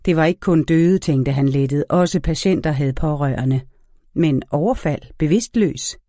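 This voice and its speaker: A man narrates a novel in a measured, even way, telling the story at a steady pace. His voice sits a little high for a man but has a mellow, warm tone. It is recorded close and dry, with no room sound. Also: no echo. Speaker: audiobook narrator. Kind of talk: scripted narration.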